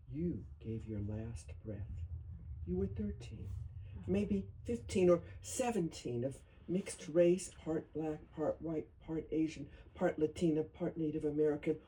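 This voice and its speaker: A man giving a solemn poetry reading at a memorial, with deliberate, emphatic phrasing. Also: on the high side, dark tone. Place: bookstore reading event before a small audience. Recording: noisy live room recording.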